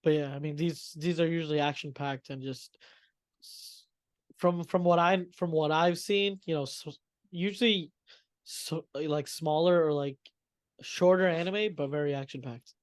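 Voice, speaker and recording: A man co-hosting a podcast while feeling sick, hyping anime in casual, slangy talk. He repeats phrases as he goes, in a voice pitched a little high for a man. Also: steady tone, measured pace. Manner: slangy, hyped, repeats himself. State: sick, coughing. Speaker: podcast co-host. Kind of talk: casual chat about anime.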